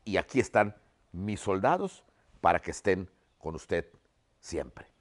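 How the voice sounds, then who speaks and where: A man voicing a calm, shy male rebel leader who speaks humbly in a storytelling lesson. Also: low voice, slow, exaggerated voice. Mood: humble. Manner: quiet, humble speech.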